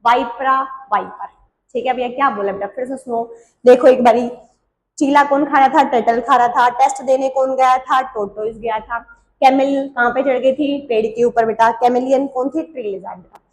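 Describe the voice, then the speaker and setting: High-voiced woman teacher drilling students. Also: fairly even intonation, roomy sound, a little hiss or hum. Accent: Hindi. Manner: quizzes students with quick questions and answers herself, calls them beta and bhaiya; uses playful memory tricks and little stories. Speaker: biology teacher. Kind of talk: exam-prep biology lesson.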